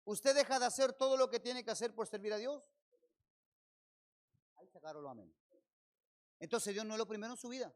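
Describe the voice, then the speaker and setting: Preaching to his congregation, a Chilean-accented pastor swells loudly on key phrases and launches rhetorical questions at them. His pitch is extremely high, and he moves briskly while pausing often.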